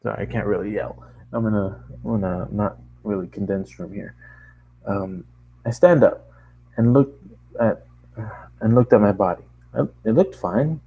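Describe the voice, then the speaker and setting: A man's voice: on the low side, moderate pace, long pauses, slightly rough, narrow, tinny audio. A man casually reading a first-person story aloud, often stopping for asides and restarting lines. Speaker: narrator reading a fan story.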